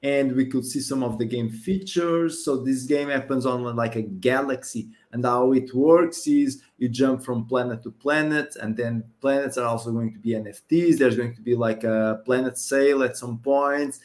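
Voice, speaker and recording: A man's voice: mid-range voice, normal speed, hardly any pauses, darkish tone. A man co-hosting a gaming podcast, talking casually and with enthusiasm. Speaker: podcast co-host.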